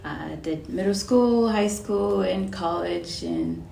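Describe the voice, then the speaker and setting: A woman in her twenties from Cameroon, answering interview questions in a measured way with fillers. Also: medium pitch, wildly swooping pitch, creaky, warm tone, roomy sound, slight background noise, low-quality recording. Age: 20s. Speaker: guest.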